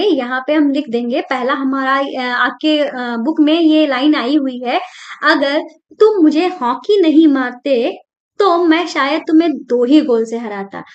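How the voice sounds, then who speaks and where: A woman teacher patiently explaining a school textbook lesson to students, often pausing with "theek hai" and repeating her points. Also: sits high, lo-fi sound.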